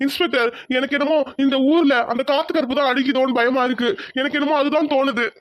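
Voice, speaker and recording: Grieving old cartoon village elder, voiced by a performer, mournful, fast, high, bright. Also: steady tone, natural voice. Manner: mournful, fearful complaining. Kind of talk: cartoon voice acting.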